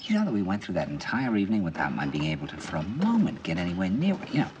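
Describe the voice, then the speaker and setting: A man's voice: deep voice, huge pitch swings, quick pace, noisy background. An actor playing an intense middle-aged man confiding over dinner in earnest, probing film dialogue. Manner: earnest, probing, builds to emphatic bursts.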